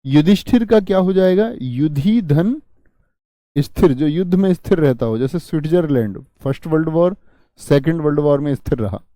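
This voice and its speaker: A man's voice: fairly high pitch, animated, moderate pace, mellow, no room sound. A man teaching a live online grammar lesson, patient, repeating key words and answering students by name.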